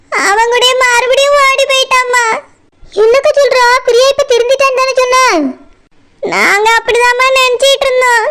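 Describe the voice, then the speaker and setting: A voice actor playing a middle-aged village mother who weeps over her family's shame, with a Tirunelveli Tamil accent, in a high cartoon voice. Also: pushed and bright, slight background noise. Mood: tearful. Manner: lamenting, worried about shame. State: crying. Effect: high sped-up cartoon voice.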